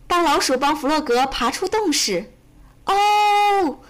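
A woman reads a children's storybook aloud in a high, bright voice that rises and falls in a lively sing-song. Her telling is gentle and expressive, made for young listeners. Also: normal speed.

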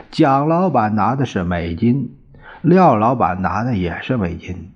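A man's voice: medium pitch, darkish tone, slightly rough, heavily acted. A man voicing a scheming middle-aged male collaborator, mocking and needling, on a dull lo-fi recording.

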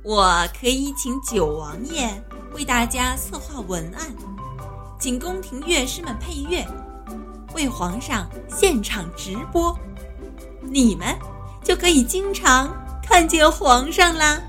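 A woman's voice: high-pitched, lively intonation, slow. A woman voicing a shrewd imperial consort who sees through schemes and coaxes the others along. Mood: coaxing. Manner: knowing, coaxing. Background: background music.

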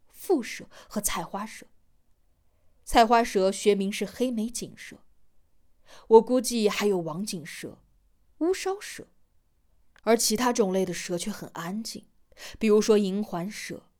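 A woman voicing an excited middle-aged male professor who lays out his reasoning the way a teacher questions a class, in an audiobook. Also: medium pitch, close to an everyday voice. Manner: brisk, explaining like a teacher.

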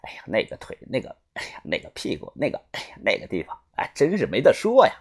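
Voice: medium pitch, huge pitch swings, slightly rough, full character voice. Narrator doing a leering cruel spirit. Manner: quiet, leering, drawn-out sighs. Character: lewd, cruel male spirit villain.

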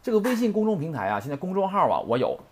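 A man's voice: a little high, huge pitch swings, racing. A man teaching a Japanese grammar lesson, colloquial and full of rhetorical questions to his students.

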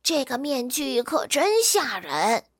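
A woman voicing a cheeky, playful young monkey with an excited, giggly manner in a storybook reading. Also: sits high, takes it slowly, breathy edge, dry recording, studio quality, heavily acted. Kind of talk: storybook character voice.

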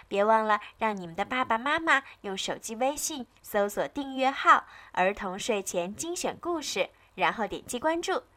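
Bright, lively woman reading bedtime stories. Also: fairly high pitch. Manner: gentle, sing-song, addressing children. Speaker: children's storyteller. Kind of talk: bedtime story narration.

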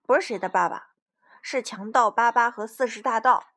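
A woman reading a children's storybook aloud expressively, pausing to explain things to a child. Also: a little high, fairly bright tone.

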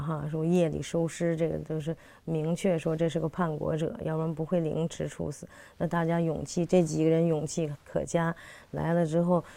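A woman who works as a theatre director and playwright, recounting her work in a lively, conversational way with frequent restarts and fillers. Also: sits low, gravelly.

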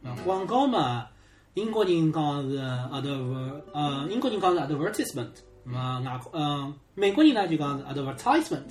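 A man, a guest English teacher, explaining slowly and hesitantly. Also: fairly high pitch, animated, darkish tone, soft background music. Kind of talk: casual chat.

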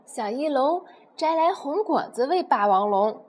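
High, lively woman reading a children's story. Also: measured pace, slight background noise. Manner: expressive, with sound words.

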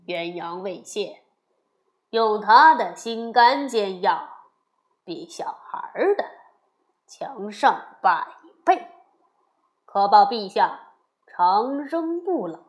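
Storybook villain: a cunning demon adviser, low and pushy, played by a woman reader. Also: expressive, slow, pauses often. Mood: scheming. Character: scheming demon posing as royal adviser. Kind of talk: children's storybook voice acting.

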